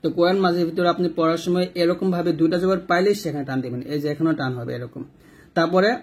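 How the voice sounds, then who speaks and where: Man, slightly high, husky voice, recitation teacher, spells letters then chants them slowly. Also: steady tone. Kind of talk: step-by-step recitation lesson.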